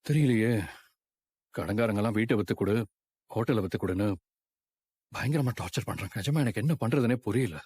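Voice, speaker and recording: A man's voice: on the low side, lively intonation, a little fast, pauses often, darkish tone, husky. A man playing a young heir who has lost his father and his wealth, speaking in a heavy, subdued way in a dubbed drama. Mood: despairing. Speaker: grieving son of a failed hotel owner.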